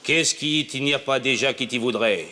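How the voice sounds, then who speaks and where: A man's voice: medium pitch, normal speed, bright, forceful tone, slight background noise, close to an everyday voice. An actor playing an eager, insistent centuries-old male genie of the lamp in a comedy sketch, grandiose and pleading. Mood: coaxing.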